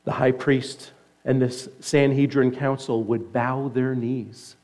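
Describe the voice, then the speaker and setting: A man preaching a sermon, retelling scripture as vivid story and letting his voice sink low and soft to stress key points. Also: level tone, slow pace. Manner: earnest preaching that drops low and soft for emphasis. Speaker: pastor.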